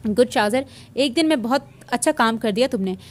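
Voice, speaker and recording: A woman reading a romance novel aloud, halting and stumbling often over the words. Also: on the high side, animated. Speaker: novel reader.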